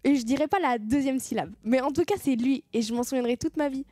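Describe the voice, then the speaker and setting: High-voiced casual woman streamer. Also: quick pace, mellow, no room sound. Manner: chatty, swearing, thanking viewers. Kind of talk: casual live-stream chat.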